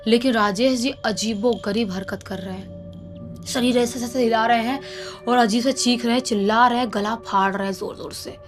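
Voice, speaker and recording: A woman tells a horror story in a dramatic yet conversational way. Her voice sits fairly high, and faint music plays underneath. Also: fairly even intonation, normal speed. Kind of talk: casual spoken storytelling.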